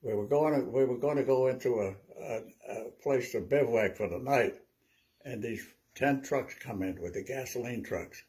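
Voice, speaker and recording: An elderly man in his nineties with a dark, relaxed voice. He speaks as an old veteran remembering his service, telling stories conversationally. His recollection is halting and wanders, with words often repeated. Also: medium pitch. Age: 90s. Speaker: WWII veteran interviewee. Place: small living room at home, seated.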